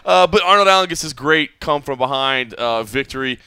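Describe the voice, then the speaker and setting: Guy hosting a fight podcast, bright crisp voice, chatty, keeps restarting phrases. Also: medium pitch, lively intonation, no room sound. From Texas, United States. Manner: talkative, restarts phrases, quick to laugh. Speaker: podcast host. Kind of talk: casual post-fight recap chat.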